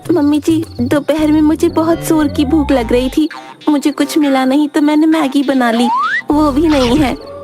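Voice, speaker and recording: A cheeky, food-greedy young bride from a cartoon, acted by a woman, with a very high, whiny voice. Background music runs under her lines. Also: fairly even intonation, moderate pace, lightly acted.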